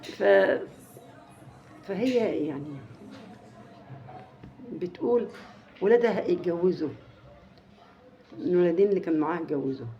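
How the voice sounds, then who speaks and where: A soft-voiced woman with an Egyptian accent, telling a story to her viewers in a halting way with many restarts. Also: lowish voice, highs cut off, slight background noise. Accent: Egyptian Arabic. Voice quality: naturally soft, quiet voice. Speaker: family channel vlogger.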